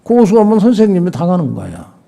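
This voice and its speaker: A man's voice: high-pitched, huge pitch swings, a little fast, gravelly, warm tone. An older man, a senior pastor, preaching a sermon, asking rhetorical questions and acting out little scenes as he goes.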